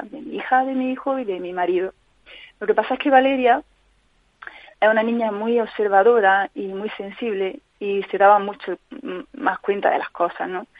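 A woman tells her story in an interview. She speaks earnestly, pausing and restarting often. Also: mid-range voice, no echo. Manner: earnest, halting, frequent restarts. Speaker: guest, mother living with chronic pain. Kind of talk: personal account in a call-in interview. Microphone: telephone. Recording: tinny phone line on radio.

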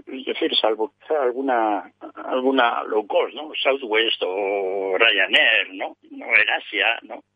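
A man's voice: fairly low pitch, takes it slowly, no echo, muffled recording. A man commenting on a radio panel, thinking aloud and ending phrases with tag questions. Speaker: economics commentator.

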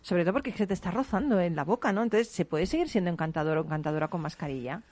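A Spanish woman hosting a radio talk show, talking fast and asking quick, chatty questions. Her voice is dry and close, with no room sound. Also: fairly low pitch, lively intonation, a little mellow, no room sound. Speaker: host. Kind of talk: lively radio interview.

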